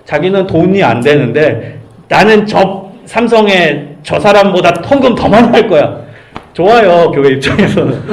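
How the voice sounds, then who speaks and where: A man preaching a youth sermon as pastor, animated and speaking directly to the congregation. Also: fairly high pitch, echoey room, low-quality recording.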